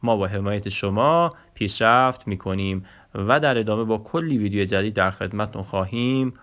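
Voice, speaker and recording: Lowish-voiced man teaching slow phrase drills. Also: fairly bright tone. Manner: says Turkish phrases very slowly and repeats them, then explains fast. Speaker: Turkish language teacher. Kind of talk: online language lesson.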